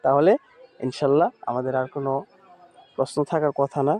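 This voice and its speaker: A man teaching Quran reading in an online lesson, patiently spelling out Arabic letters and repeating words slowly. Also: mid-range voice, steady tone, mellow. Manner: Arabic letter names in Bengali speech.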